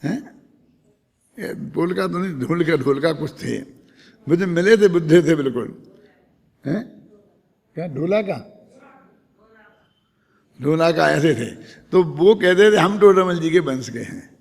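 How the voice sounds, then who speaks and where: A man's voice: on the high side, lively intonation, takes it slowly, gravelly, long pauses, darkish tone, slightly rough, long reverb tail. An older man giving a conversational religious discourse on scripture, often checking whether his listeners follow. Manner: conversational, asks listeners "समझे ना?".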